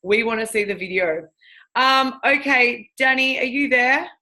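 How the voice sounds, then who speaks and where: A woman's voice: on the high side, measured pace, pushed and bright. A woman leading a team video call, encouraging and cheerleading her team. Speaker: team leader hosting a call.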